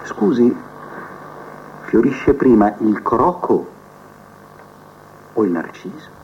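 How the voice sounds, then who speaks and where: A proud, scheming genius inmate. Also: male voice, mid-range voice, slow, slight background noise. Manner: musing to a cellmate, swinging between soft mutters and lively outbursts. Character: proud scheming male prison inmate who thinks he's a genius. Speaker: stage actor in a TV monologue. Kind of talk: theatrical TV drama monologue. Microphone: cassette recorder mic held to a TV speaker. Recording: muffled TV audio taped off a set onto cassette.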